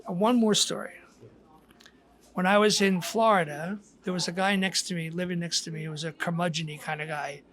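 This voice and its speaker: High-voiced older man telling stories. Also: steady tone, fairly quick, a bit bright. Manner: storytelling, reflective, with frequent restarts. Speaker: guest author. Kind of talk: casual podcast conversation.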